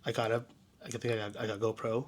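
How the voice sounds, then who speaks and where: A man from the United States telling a personal story in a vlog, halting and searching for words with many restarts, earnest and quietly emotional. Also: lowish voice, flat delivery. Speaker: vlogger and DJ entertainer.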